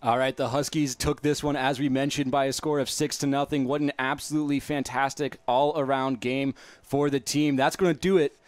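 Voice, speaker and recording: A man's voice: mid-range voice, level tone, fairly quick, dry recording. A young man hosting a baseball postgame show, recapping the game with polished broadcaster delivery on a headset mic in a stadium booth. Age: young adult.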